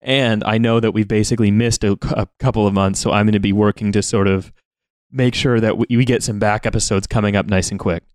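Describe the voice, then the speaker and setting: A man hosting a podcast, speaking alone in a casual, somewhat halting and rambling introduction. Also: fairly low pitch, steady tone, a little mellow, no room sound, studio quality. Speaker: podcast host.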